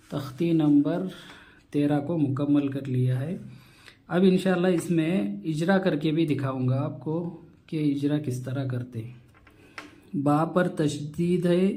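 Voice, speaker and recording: A man teaching a Quran recitation lesson, spelling out syllables slowly and patiently repeating each rule, with nasal humming on doubled letters. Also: on the high side, dark tone. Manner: patient, repeats rules step by step.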